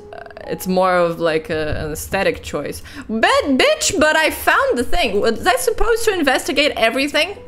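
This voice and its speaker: A tired, yawning woman giving casual, rambling commentary while she plays a game, swearing casually and laughing often. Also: on the low side. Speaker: let's play gamer.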